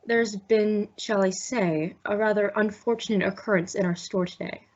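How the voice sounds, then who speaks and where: A woman speaking at normal speed in a medium-pitched, fairly even voice close to her everyday one portrays a stuffy male executive in an old-time radio mystery. His formal, hesitant manner conveys unease, heard through dull lo-fi audio.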